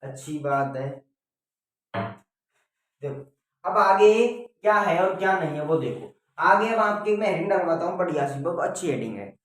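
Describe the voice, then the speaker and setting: A man with a somewhat high voice teaches biology in a very echoey classroom, recorded from a distance. He repeats key points and keeps checking that the students follow, calling them "beta". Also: expressive, moderate pace, long pauses, fairly bright tone. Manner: repetitive, checks with "theek hai?". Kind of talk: classroom-style lecture. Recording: very echoey room, mic far off.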